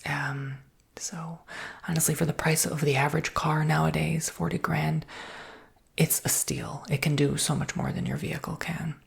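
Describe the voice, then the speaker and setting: This ASMR roleplay features a woman's low, breathy whisper with a creaky undertone as she gives reassuring, easygoing sales patter.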